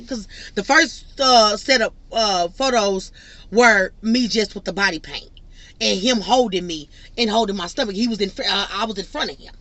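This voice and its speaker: A young woman with a bright, forceful voice tells a personal story in a loose, rambling way. She speaks straight to her viewers and keeps circling back, restarting and piling on detail. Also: mid-range voice. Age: young adult. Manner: rambling and excitable, often addressing viewers directly. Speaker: vlogger. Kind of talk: casual storytime.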